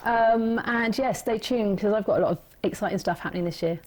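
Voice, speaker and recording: A woman's voice: medium pitch, brisk, a little mellow, a little hiss or hum, poor audio. A woman, an author and blogger, chatting as a guest in a casual interview, bubbly and gushing. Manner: bubbly, gushing, exclaims often.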